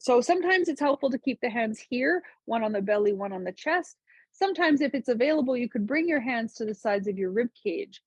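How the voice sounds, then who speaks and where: A woman teaching a seated yoga class, giving calm, gentle cues to breathe and move. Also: fairly high pitch, fairly quick, husky, dry recording. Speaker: yoga instructor. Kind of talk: guided chair yoga instruction.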